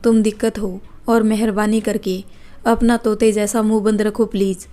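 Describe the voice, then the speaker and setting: A woman's voice: medium pitch, flat delivery, normal speed, warm tone, lightly acted. A woman voicing a strict young female teacher who speaks in curt, scolding lines in a storybook tale. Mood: irritated.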